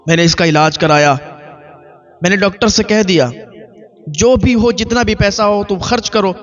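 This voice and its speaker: A heartbroken, furious father, as a male preacher puts him on, pressing his accusation in a high, strained voice. The sound is dull and lo-fi, with faint music in the background. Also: fairly bright tone. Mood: grieving. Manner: accusing, grief-stricken, emphatic. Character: grieving, angry father of a slain boy.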